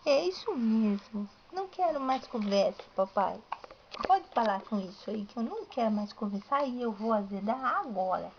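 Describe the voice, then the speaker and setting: A woman's voice: a little high, lively intonation, normal speed, dull audio, slight background noise, voice pushed down. A woman voicing her baby son as a fussy, grumpy little boy, in baby talk. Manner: baby talk, speaking his thoughts aloud. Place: home.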